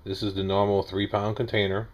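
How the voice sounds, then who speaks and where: In a small wood-paneled room, a homestead vlogger in his forties with a Southern accent from the US talks through a casual how-to. His voice is fairly low and flat, a little fast, with the highs cut off, and he rambles a bit, restarting and using fillers.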